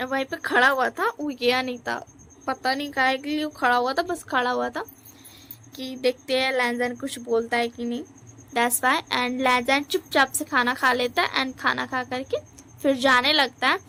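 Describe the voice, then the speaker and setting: A woman with a high voice casually retells a story in her own words. She pauses often with hesitant fillers as she goes along. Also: fairly even intonation, pushed and bright.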